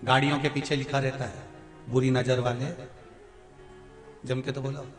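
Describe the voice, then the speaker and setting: A man preaching a devotional sermon in a folksy, sing-song storytelling way, swinging between soft asides and loud exhortations. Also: mid-range voice, flat delivery, normal speed. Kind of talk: devotional sermon to a large gathering. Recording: echoey hall with faint music.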